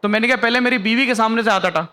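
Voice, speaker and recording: A man's voice: very high-pitched, steady tone, very fast. A young man performing a stand-up comedy set on stage, telling a story and acting out the other people in it. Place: stage before a live audience.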